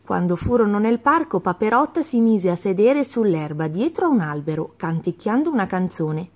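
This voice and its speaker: A woman reads a children's picture story aloud in a clear, gently expressive way. Her pitch sits in a middle range for a woman. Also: normal speed.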